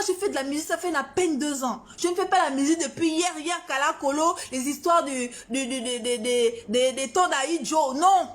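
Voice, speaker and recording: Defiant high-voiced woman from Gabon. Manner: defiant, confrontational, repetitive. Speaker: singer. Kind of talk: heated social media rant.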